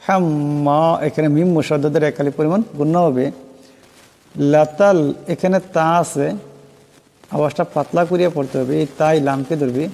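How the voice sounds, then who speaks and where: A man teaching Quran recitation, spelling out each word and chanting the verses slowly. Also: on the high side, warm tone, big-room sound. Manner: slow melodic chanting of verses, quick plain explaining.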